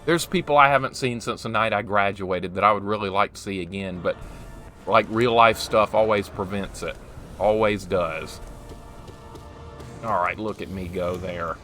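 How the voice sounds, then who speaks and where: In a casual gaming live stream, a man in his forties talks with his chat and reacts to play at a moderate pace. His voice is lowish, bright and forceful, with faint music in the background.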